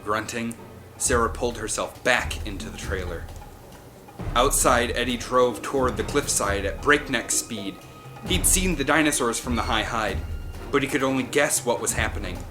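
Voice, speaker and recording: A man with a mid-range voice narrates an adventure audiobook at a normal pace, telling the scripted story in a dramatic, suspenseful, theatrical manner. Orchestral film-score music plays behind him.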